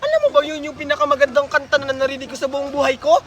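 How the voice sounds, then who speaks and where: A woman playing a bossy, scolding older woman who hands out gifts, in a shouty comedy-skit style. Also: high-pitched, very animated, quick pace.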